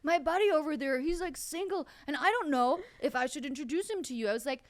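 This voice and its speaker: A young adult woman co-hosting a comedy podcast, telling a story with lively, exaggerated quotes. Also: sits high, quick pace. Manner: animated, acts out quotes in an exaggerated voice. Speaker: podcast co-host.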